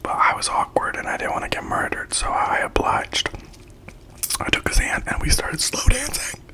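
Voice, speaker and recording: Someone eats while whispering a chatty, slang-filled storytime ASMR at normal speed, performing the quoted lines along the way.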